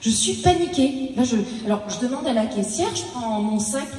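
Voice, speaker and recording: A woman performing a comic stage monologue, telling her story haltingly and acting out her own lines of dialogue. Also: a little high, warm tone. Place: stage in a large hall. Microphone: handheld stage mic. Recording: echoey hall, mic at a distance.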